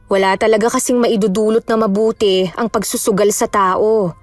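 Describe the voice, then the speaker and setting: A woman playing a caring young woman who calmly reassures her friend in a horror audio drama. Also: mid-range voice, normal speed, no room sound, soft background music, natural voice. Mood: reassuring. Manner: reassuring and sensible.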